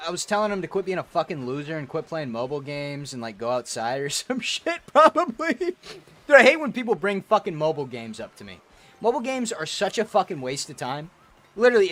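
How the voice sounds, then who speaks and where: This streamer's voice is fairly high and a bit bright. As he plays, he rambles to viewers in loose, profanity-laced chatter that slides into rants.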